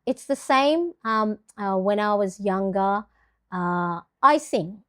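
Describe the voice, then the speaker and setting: A middle-aged Filipino woman runs a planner livestream in a slow, mid-range voice with lively intonation. She chats casually and rambles, often restarting and using fillers.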